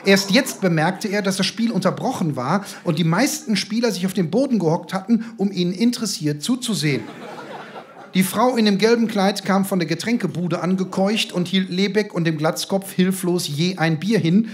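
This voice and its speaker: A man reading his own comic short story aloud with lively, deadpan storytelling. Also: high-pitched, normal speed.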